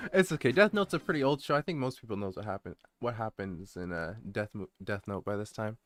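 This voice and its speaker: Streaming indoors with background music, a VTuber presents his channel, talking loosely and hesitantly to viewers and drifting off track easily. His fairly low voice is expressive and fairly quick, with no room sound.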